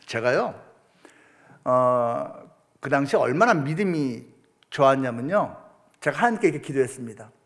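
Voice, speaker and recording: A middle-aged man preaching a sermon, telling a story with lively acted-out quotes. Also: medium pitch, moderate pace, pauses often. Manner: animated storytelling, acting out prayers and quotes. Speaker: pastor.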